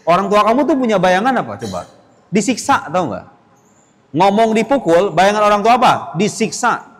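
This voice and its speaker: A young man teaching a religious lesson to boarding school students in a mosque, talking directly to them and acting out parents and children in quick little voices. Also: a little high, long reverb tail.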